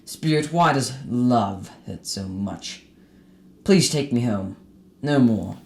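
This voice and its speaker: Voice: medium pitch, animated, takes it slowly. A performer in a radio drama playing Ebenezer Scrooge, an old miser full of regret, with an emotional, pleading delivery. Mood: anguished, pleading.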